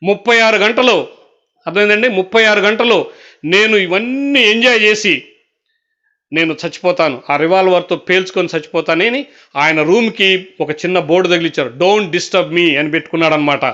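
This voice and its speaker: A man's voice: sits high, normal speed, sharp tone, muffled recording. A man preaching a sermon, telling a story and then proclaiming with rising fervor, often checking that his listeners follow. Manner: asks the listeners if they follow. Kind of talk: Christmas sermon, audio message.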